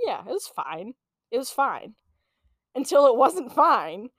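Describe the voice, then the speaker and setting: A woman in her late twenties hosting a podcast, telling a personal story in a casual, animated, profane way and laughing often. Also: on the high side, takes it slowly, slightly rough, no room sound, clean studio sound. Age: late 20s. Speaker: podcast host.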